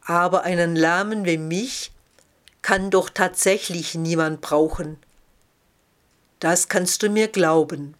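A woman voicing a rough-voiced, self-doubting lame man on crutches in a storybook reading. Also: lowish voice, takes it slowly. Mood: self-deprecating. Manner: self-deprecating, then eager.

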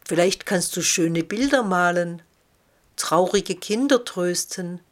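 A woman voicing a wise, gentle female snail in a storybook reading, speaking in an encouraging, thoughtful way. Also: on the low side, slow pace.

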